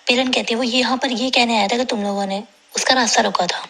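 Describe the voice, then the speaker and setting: Bright, husky-voiced woman recapping a drama. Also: fairly high pitch, steady tone. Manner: brisk storytelling, reads characters' lines in her own plain voice. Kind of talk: retelling a TV drama episode.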